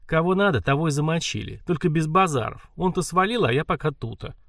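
A man's voice: fairly high pitch, animated, fast talker, a bit bright, dry recording, studio quality, voice pushed up. A man voicing a boastful teenage wannabe thug who talks in criminal slang. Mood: swaggering. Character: loud boastful teen male wannabe thug.

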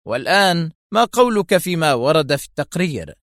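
A man reading a story aloud, voicing a calm, stern and mocking male station chief who answers with provoking indifference. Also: fairly high pitch, fairly quick, no echo, studio quality, voice pushed up. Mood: cold.

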